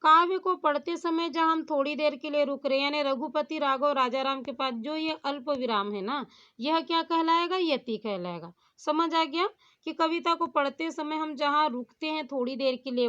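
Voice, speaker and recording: A woman with a high voice teaches a grammar lesson at a steady pace. She keeps putting questions to her students and answering them herself. The recording sounds muffled and lo-fi. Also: normal speed. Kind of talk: classroom lesson explaining poetic meter. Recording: dull lo-fi sound.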